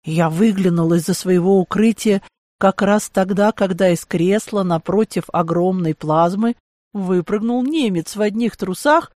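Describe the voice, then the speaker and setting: A woman's voice: mid-range voice, darkish tone, dry recording, studio quality. Woman narrating an ironic audiobook. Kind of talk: first-person audiobook narration.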